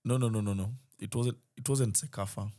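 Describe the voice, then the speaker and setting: A man's voice: on the low side, fairly even intonation, a little fast, dark tone. A man with a Kenyan accent in casual football podcast chat, switching between English and Swahili.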